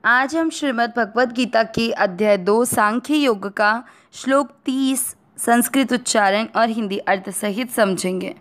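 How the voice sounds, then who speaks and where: An Indian woman teaching Sanskrit pronunciation, breaking words into syllables and then chanting each verse slowly. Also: a little high. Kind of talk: slow syllable-by-syllable recitation lesson.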